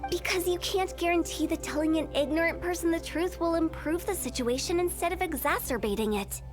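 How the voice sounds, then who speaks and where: A woman's voice: very high-pitched, fairly quick. A woman voicing a playful young female funeral parlor director in a video game, breezy and teasing as she explains things. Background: game music.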